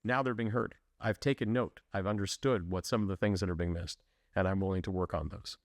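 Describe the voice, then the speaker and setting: A deep-voiced man with a Canadian English accent, a municipal election candidate running for local council, answers interview questions earnestly and briskly in a steady tone. He uses frequent fillers and restarts, in a dry, studio-quality recording.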